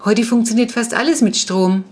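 A friendly young boy in a children's audiobook, patiently explaining the modern world and easily excited, as a woman reads him. His lines sit somewhat higher than the narration. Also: normal speed, close to an everyday voice. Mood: eager explaining. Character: eager friendly boy, a brother.

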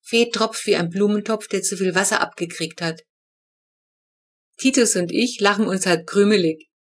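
A woman reading a children's story aloud with lively storytelling. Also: medium pitch, normal speed. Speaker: audiobook narrator. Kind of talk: scripted narration.

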